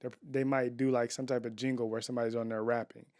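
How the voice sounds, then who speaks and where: Talking fast in a mid-range, darkish voice with little pitch movement, this podcast co-host chats casually on a couples show recorded at home. He is opinionated and emphatic, restarting sentences and using fillers, and the audio is studio-quality with no echo.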